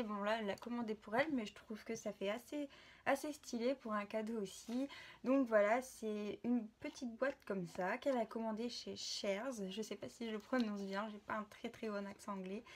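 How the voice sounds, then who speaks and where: A young woman chatting to her camera in a relaxed vlog, sharing gift ideas. She talks informally and hesitates a lot, filling the gaps and circling back to restart her sentences. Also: fairly high pitch. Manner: hesitant, many filler sounds and restarts. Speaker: vlogger. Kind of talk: casual gift-idea vlog.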